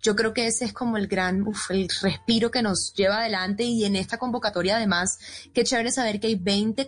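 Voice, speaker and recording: A woman hosting a radio interview, upbeat and enthusiastic. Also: medium pitch. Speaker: radio host.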